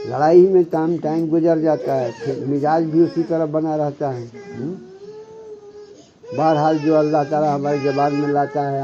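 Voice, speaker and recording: A man giving a devotional sermon as a Sufi spiritual guide, often stopping to check with his listeners and slowly reciting Arabic scripture. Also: on the high side, noisy background. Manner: keeps checking with listeners, "hmm?". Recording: muffled lo-fi recording.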